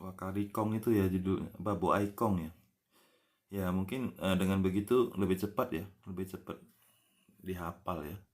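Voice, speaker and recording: A man giving a casual language lesson, patiently explaining words and spelling them out letter by letter, ending many phrases with a soft "ya". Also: deep voice, normal speed. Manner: frequent tag "ya" after phrases. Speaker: language teacher.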